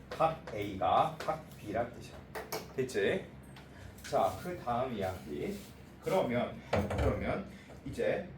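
A male math teacher lecturing a class in a blunt, informal way, checking again and again that the students got it. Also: medium pitch. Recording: echoey room, voice from a distance, faint noise.

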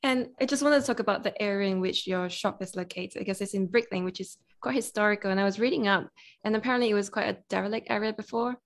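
A woman's voice: mid-range voice, fast talker. A woman hosting an interview, asking curious questions she has read up on. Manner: curious, asks questions after reading up. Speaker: interview host.

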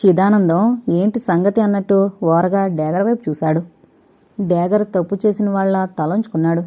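A woman narrating a suspense thriller audio novel in a steady, dramatic storytelling manner. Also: mid-range voice, normal speed. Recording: dull lo-fi recording.

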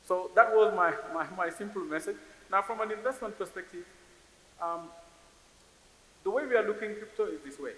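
This panel investor, a Senegalese man in his forties, has a high, slightly bright voice and a moderate pace broken by frequent pauses. Thoughtfully, he repeats words while reaching for the next phrase. Recorded on a large hall stage through a stand mic, the audio carries roomy reverb and light hiss.

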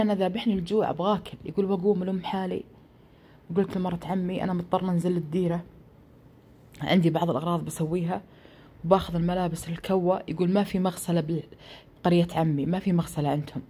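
A woman races through a spooky story at a breakneck clip. Her voice is low, mellow and a little husky. She keeps interrupting herself to say that he says it. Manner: breathless, repetitive retelling that keeps repeating "he says". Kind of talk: retelling a horror story.

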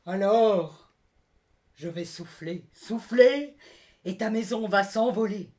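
A big, hungry wolf, as a woman storyteller puts him on, sly and menacing. He speaks loudly, stretching out his coaxing words. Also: medium pitch, lightly acted. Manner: drawn-out, loud and coaxing.

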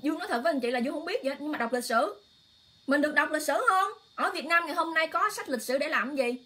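A woman with a high voice hosts an emotional political livestream. She speaks straight to her viewers, exclaiming often. Her delivery stays impassioned and insistent. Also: expressive, fast, pushed and bright. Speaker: online livestream host.

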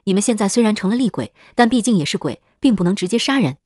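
A woman's voice: mid-range voice, expressive, fast, a little mellow, no echo, studio quality, lightly acted. A woman voicing a stern male underworld soul-catcher, cold and mocking, giving curt, scornful commands in a storybook tale. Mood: grave.

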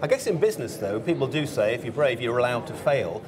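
A man in his forties puts questions as an interviewer, in a conversational style. His voice sits at a medium pitch. People can clearly be heard murmuring behind him. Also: animated, quick pace. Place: indoor event interview stage. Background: crowd murmur.

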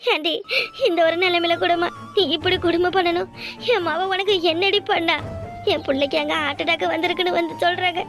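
A woman's voice: very high voice, steady tone, brisk, a bit bright, soft background music. A woman with a southern Tamil Nadu accent voicing an anxious older village mother who pleads and laments. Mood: anguished. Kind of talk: cartoon voice acting.

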